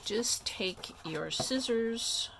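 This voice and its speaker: A woman hosting a craft tutorial, explaining each step in a relaxed, chatty way with many ums and asides. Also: on the high side, extremely slow, vocal fry, background noise. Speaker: craft video host.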